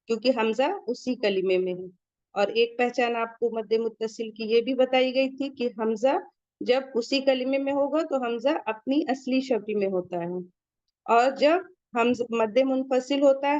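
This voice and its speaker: Woman, tajweed teacher, patient step-by-step explanations, slow careful recitation, dry close mic. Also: fairly high pitch, darkish tone, dry recording, lo-fi sound. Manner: explains rules step by step, then recites each word slowly; asks students questions and checks their answers.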